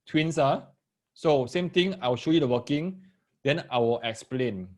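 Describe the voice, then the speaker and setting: A male maths tutor speaks at a measured pace in a medium-pitched voice, with a Singaporean accent and Singlish particles. During a live online lesson for parents and their children, he explains each step, repeats phrases and checks that listeners are following.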